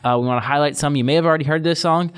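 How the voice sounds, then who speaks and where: A man's voice: fairly high pitch, racing, clear, resonant tone. Rambling young male radio host. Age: young adult. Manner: rambling, lots of fillers and restarts. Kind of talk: casual morning radio chat. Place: college radio studio.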